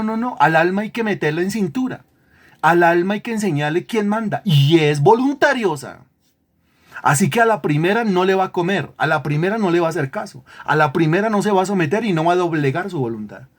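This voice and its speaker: Emphatic man preaching a sermon. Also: fairly high pitch. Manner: emphatic, repeats phrases, asks the congregation questions. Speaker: pastor. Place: church congregation.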